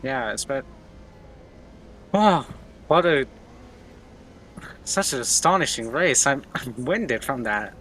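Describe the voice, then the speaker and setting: A man co-commentating a sim race on a live stream, excitable and quick to read out the grid. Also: medium pitch, a little hiss or hum. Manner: excitable, reads out grids quickly.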